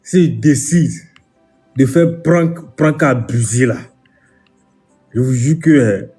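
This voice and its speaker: A man's voice: mid-range voice, takes it slowly, mellow, soft background music. A man talking to camera in a casual vlog, scolding with indignant repetition. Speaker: vlogger.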